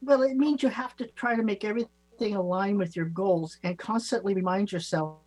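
Informal, reassuring woman with a medium-pitched voice. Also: brisk, a little mellow, faint music behind. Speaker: psychic reader and show co-host. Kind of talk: conversational spiritual advice.

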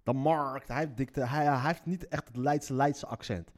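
A man's voice: medium pitch, measured pace. A man with a slightly Moroccan-tinged Leiden accent, hosting a show and reading the newspaper aloud in loose, rambling chat full of swearing and tangents. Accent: Leiden Dutch, slightly Moroccan-tinged.

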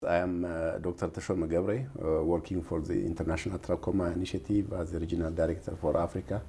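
A man's voice: deep voice, little pitch movement, quick pace, warm tone, husky. A man from Ethiopia with an Ethiopian accent, telling his story in an interview, earnest and hesitant with many fillers. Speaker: guest, regional health program director.

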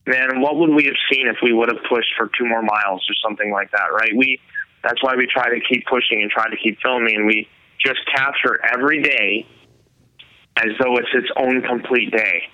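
Bright-voiced man filmmaker, lo-fi sound. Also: medium pitch, steady tone, moderate pace, no echo. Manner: rambling, many fillers and restarts. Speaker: hunting filmmaker guest. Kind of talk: casual interview talk.

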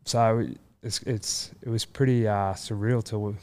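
A man's voice: on the low side, little pitch movement, unhurried, a little mellow. A man from country Australia with an Australian accent, telling stories casually with lots of fillers and restarts. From country New South Wales, Australia. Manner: rambling with many fillers and restarts. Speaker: guest, former rugby league player. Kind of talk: casual storytelling.

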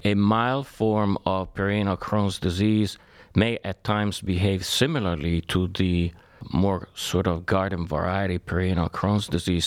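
A man from Italy speaks in a deep, low register, explaining things in a measured and formal way. His voice sits close and dry, with no room sound around it. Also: no echo. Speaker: guest surgeon and researcher. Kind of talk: podcast interview.

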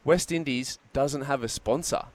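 A man's voice: medium pitch, normal speed. A man with an Australian accent hosting sports talk radio in a conversational style on a close studio mic. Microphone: close studio broadcast microphone.

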